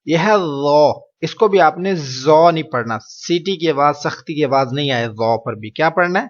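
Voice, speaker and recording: A man teaching Quran reading, slowly modeling each letter sound and then explaining it. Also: fairly high pitch, expressive, highs cut off. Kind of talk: teaching Arabic letter pronunciation.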